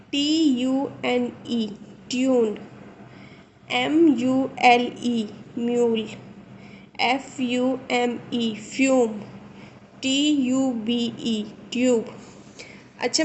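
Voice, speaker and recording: High-voiced woman teaching slow phonics. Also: slight background noise. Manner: slow, spells out letters then says the word; coaxing, checks in with listeners. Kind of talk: phonics reading lesson for children.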